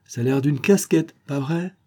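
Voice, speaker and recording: A man's voice: a little high, moderate pace, warm tone, voice pushed up, natural voice. A man voicing a cocky young male street sleuth who taunts his captive. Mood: taunting. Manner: taunting, teasing.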